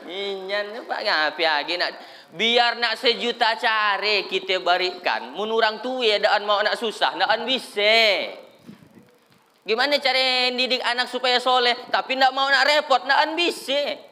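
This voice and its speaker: A man preaching a lively sermon, acting out crying children and fussing parents. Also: high-pitched, a little slow, big-room sound. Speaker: Islamic preacher.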